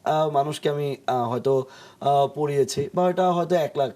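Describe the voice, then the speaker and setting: A man appearing as a studio guest on a TV talk show, explaining English pronunciation patiently, acting out jokes and pausing often with hesitation sounds. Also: on the high side, warm tone.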